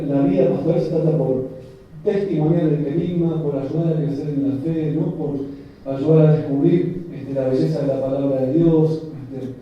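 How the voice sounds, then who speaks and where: A man, a priest giving an informal pastoral talk to a catechesis group, reflective and searching, often pausing on fillers and restarting his phrases. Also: fairly high pitch, a little hiss or hum. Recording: echoey, dull audio from far off.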